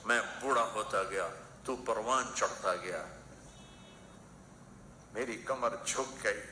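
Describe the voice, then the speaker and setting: A man's voice: on the low side, pushed and bright, a little hiss or hum. A man preaching an emotional sermon in rhythmic, repeating phrases. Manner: impassioned, rhythmic repetition. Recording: echoey hall with faint ambience.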